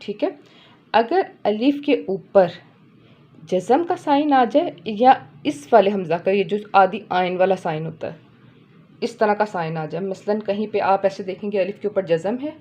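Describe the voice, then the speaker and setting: A woman's voice: mid-range voice, a little slow, mellow. A woman teaching a Quran lesson step by step, patiently repeating each point and checking in with her students.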